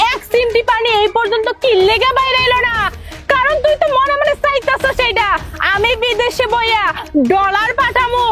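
Bossy jealous wife, very high shrill voice, comic TV drama, loud music bed. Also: female voice. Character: bossy jealous young wife leaving abroad.

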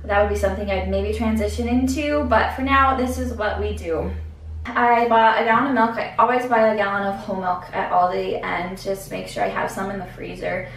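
A woman's voice: medium pitch, steady tone, brisk, creaky, recorded from a distance, a little hiss or hum. A young adult woman walking through her groceries in casual vlog chat, thinking aloud with fillers, recorded at home in her kitchen by a camera a few steps away. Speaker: vlogger. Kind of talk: casual grocery haul walkthrough. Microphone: camera at a distance. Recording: echoey kitchen, voice from off the mic.

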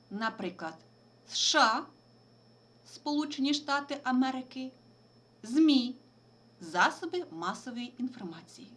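A woman teacher with a high voice and a lot of movement in her pitch, giving a remote school lesson. She explains each point clearly and spells out abbreviations letter by letter at a slow, deliberate pace.

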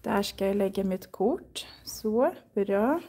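A woman's voice: mid-range voice, dark tone, husky. A woman chatting casually to viewers as she browses and borrows books in a library, thinking aloud and reading titles out. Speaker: Swedish teacher and vlogger.

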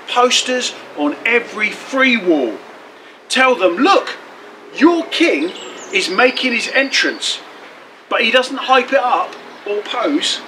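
A man's voice: high voice, slight background noise, poor audio. A man retelling a Bible story in casual modern language, putting on voices for the people he quotes. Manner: lively, voices each quoted crowd and character. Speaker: church speaker.

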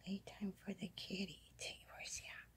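A woman at home at night, talking to her cat in soft whispered baby talk while they play. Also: mid-range voice, little pitch movement, moderate pace.

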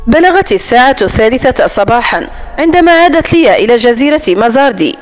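A woman narrating a romance novel audiobook in a steady, even storytelling manner. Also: a little high, fast, faint music behind. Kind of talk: scripted narration.

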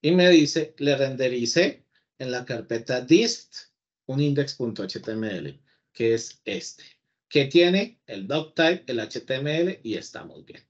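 Chatty teacher coding live. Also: male voice, mid-range voice, expressive, measured pace. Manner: chatty, talks to the computer as if to a person. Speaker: programming teacher. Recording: slightly dull lo-fi audio.

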